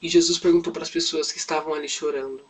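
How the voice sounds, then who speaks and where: A man's voice: a little high, steady tone, fast, slight background noise, low-quality recording. A man, telling a Bible story to children in a chatty, informal way and lightly acting out the quotes. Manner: chatty, often adds "né", acts out quotes lightly. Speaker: children's Sunday school teacher. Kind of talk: casual Bible story lesson for kids.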